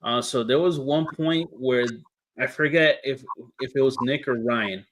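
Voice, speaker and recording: Halting male podcast host. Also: mid-range voice, a bit bright, poor audio. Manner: halting, many restarts and fillers. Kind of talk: casual interview questions.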